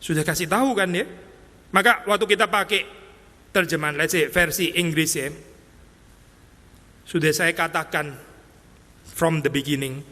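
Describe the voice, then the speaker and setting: A man preaching a sermon as pastor, talking casually and acting out quotes with lively bursts. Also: a little high, moderate pace, pauses often. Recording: long hall reverb.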